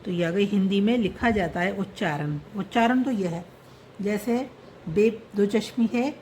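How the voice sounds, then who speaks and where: Woman teacher, unhurried lesson delivery, spells out words and repeats them, faint background hiss. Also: medium pitch, a little mellow. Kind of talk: slow explanatory script lesson.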